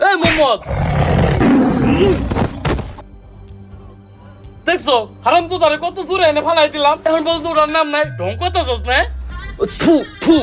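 A squeaky scolding father. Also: quick pace, over loud music. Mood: angry. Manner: yelling, cursing scolds. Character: short-tempered scolding father.

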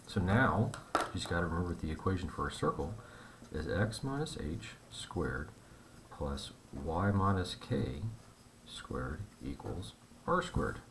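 A man with a very low voice works through a math problem on a board, talking to students in a relaxed, chatty way. His explanation moves step by step. Faint background noise sits under his voice. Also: unhurried. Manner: relaxed, conversational explaining with fillers. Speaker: math teacher. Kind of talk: whiteboard math lesson.

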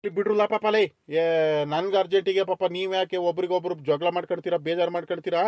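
A man's voice: high voice, flat delivery, darkish tone, no echo, lightly acted. A man voicing an elderly village farmer in a comedy cartoon, talking in a rural southern Karnataka Kannada accent and fussing to hurry his workers. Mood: soothing. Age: older. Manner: fast, fussing and peacemaking. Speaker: farm owner.

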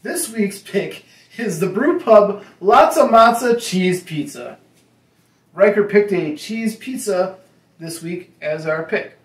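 A man's voice: high voice, animated, takes it slowly. An easygoing man in his forties reviews a frozen pizza at his dining table, chatting to his son. He slips in plenty of ums and likes. The sound comes from a camera across the table in a roomy home with a noticeable echo. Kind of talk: casual food review chat.

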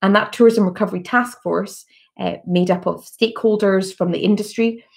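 A Scottish woman in her thirties, a politician answering constituent questions on a video call from her living room, measured and full of fillers and restarts. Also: mid-range voice, fairly even intonation, gravelly, darkish tone. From Scotland. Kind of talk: virtual town hall Q&A. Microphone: laptop webcam on a video call.

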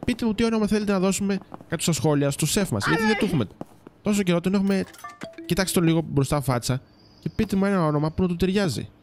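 A man's voice: sits high, darkish tone, faint music behind. A man giving casual let's-play commentary, chatting to viewers and teasing the game's characters. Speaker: gaming YouTuber.

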